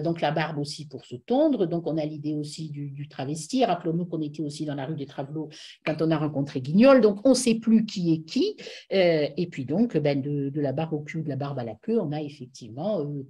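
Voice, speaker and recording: A woman's voice: lowish voice, warm tone, husky. A middle-aged woman giving an online lecture on song lyrics over a video call, digressive and full of hesitations. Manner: digressive, many hesitations and fillers.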